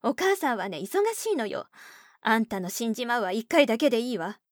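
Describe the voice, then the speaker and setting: An irritated middle-aged mother, voiced by a woman narrator, scolds her daughter sharply and with exasperation. Her pitch sits a little high, and the recording is dry and close. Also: very animated, fairly quick, no room sound. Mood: exasperated.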